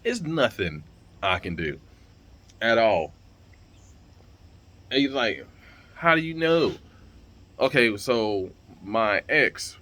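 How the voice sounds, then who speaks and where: Low-voiced man venting on camera. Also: fairly bright tone. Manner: blunt and heated, swears freely, repeats words as he restarts. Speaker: vlogger and streamer. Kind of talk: casual monologue to camera.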